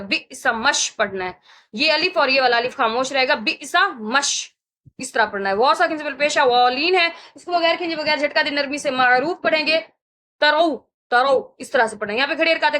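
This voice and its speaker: Woman tajweed teacher, high bright voice, patient slow drills. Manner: patient, repeats sounds slowly for learners to copy. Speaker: Quran recitation teacher. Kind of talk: tajweed lesson, step-by-step explanation.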